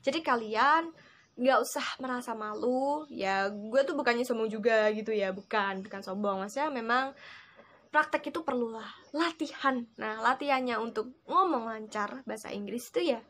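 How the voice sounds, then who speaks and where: A woman's voice: a little high, moderate pace. Chatty young woman giving tips. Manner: chatty, addresses viewers as guys, lively emphasis. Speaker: vlogger teaching English tips. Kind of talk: casual tutorial vlog. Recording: faint background noise.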